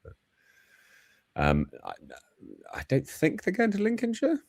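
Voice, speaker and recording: A man's voice: sits high, wildly swooping pitch, measured pace, gravelly, darkish tone, no room sound, studio quality. A man co-hosting a casual chat show, laid-back, laughing often and reading viewer comments aloud.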